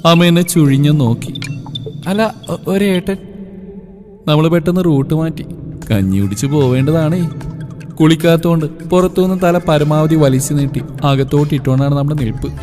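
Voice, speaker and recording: A man reading a comic first-person story in a lively, playful way, in a long-reverb recording with faint music. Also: fairly high pitch, moderate pace.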